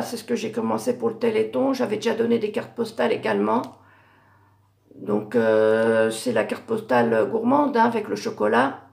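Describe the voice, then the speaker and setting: A middle-aged craft YouTuber with a fairly high voice presents her handmade Christmas cards in a laid-back vlog. Her speech is halting, filled with fillers and self-corrections, and her voice is growing hoarse.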